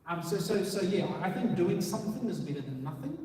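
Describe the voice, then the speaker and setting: A man police officer answering audience questions in a relaxed, conversational way with many fillers. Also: high-pitched, fairly quick. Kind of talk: community talk and Q&A. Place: community meeting room. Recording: echoey hall, voice from far off, faint noise.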